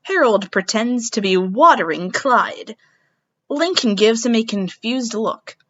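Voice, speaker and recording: A woman's voice: a little high, animated, slow, fairly bright tone, lo-fi sound. A woman doing an informal, theatrical dramatic reading of a story as narrator, dropping in asides.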